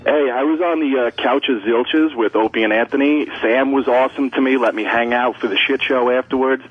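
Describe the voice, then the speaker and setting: A man's voice: medium pitch, fairly even intonation, a little fast. A man calling a radio show, telling a casual story. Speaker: caller. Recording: husky tinny phone line.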